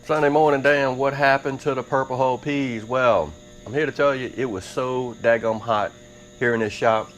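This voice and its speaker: A man's voice: mid-range voice, steady tone, normal speed, a bit bright, soft background music, low-quality recording. A Southern man hosting a casual cooking vlog, talking in a folksy, chatty drawl. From Mississippi. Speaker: cooking channel host. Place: workshop with insects outside.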